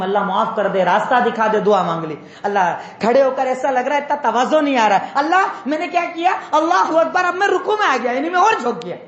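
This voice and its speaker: High-voiced preacher in an echoey mosque. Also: male voice, fairly bright tone, a little hiss or hum. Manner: emphatic, rhetorical questions to the congregation. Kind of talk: Friday sermon. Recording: echoey, dull hall sound.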